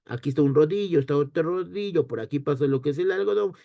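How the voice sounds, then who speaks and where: A man teaching an online history lesson, asking himself questions and answering them in a lively way. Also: on the high side, fast talker, creaky, dry recording, highs cut off. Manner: lively, rhetorical questions to students.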